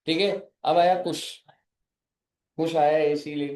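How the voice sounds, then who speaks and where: A man's voice: on the high side, steady tone, takes it slowly, a little mellow. A man with an Indian accent lecturing a class, mixing Hindi and English and joking with students. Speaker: teacher. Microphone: phone. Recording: echoey classroom from far off.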